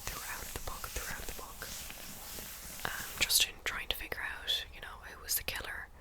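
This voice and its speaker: A woman's voice: moderate pace, rough recording. Close-up whispering ASMR woman. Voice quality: breathy unvoiced whisper. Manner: repeats words and phrases softly. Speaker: book review vlogger. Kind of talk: ASMR whispering, casual book chat. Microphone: close to the mic.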